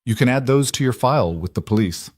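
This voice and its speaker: A man voicing a protective single father, speaking in a calm, steady, firm way. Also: medium pitch, quick pace, no room sound, studio quality, voice pushed up, close to an everyday voice.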